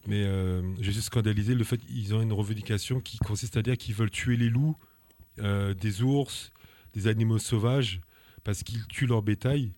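A man from France, an activist guest, telling his story in an interview, halting and often restarting his words. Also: fairly low pitch, steady tone, dark tone, dry recording. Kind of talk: personal testimony in an interview.

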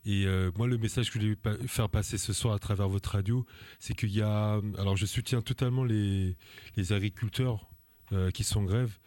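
A French activist, guest on a radio interview, speaks at a moderate pace in a lowish, darkish voice with a steady tone. He sounds earnest and indignant, with many hesitations, fillers and restarts, and there is no echo.

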